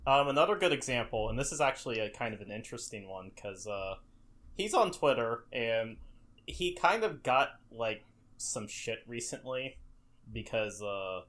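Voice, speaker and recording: A man in casual discussion, halting and rephrasing as he goes. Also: medium pitch, a bit bright.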